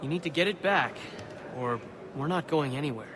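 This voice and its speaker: A man plays a scheming convict forger in a video game, wry and sure of himself. His fairly high voice moves in lively swings as he coaxes, with a busy crowd murmuring around him. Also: normal speed, close to an everyday voice. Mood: grumbling. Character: wry scheming male convict forger, self-assured plotter.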